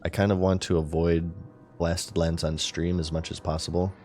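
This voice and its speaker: Low-voiced man streaming a game. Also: little pitch movement, normal speed, a little mellow, faint music behind. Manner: chatty, talks to chat while playing. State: hiccuping. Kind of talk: casual gameplay commentary.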